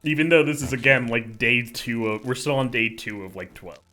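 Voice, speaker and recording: A man's voice: mid-range voice, brisk, pushed and bright. A man chatting casually as co-host while he plays a video game. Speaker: let's play co-host. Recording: game music behind. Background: video game music.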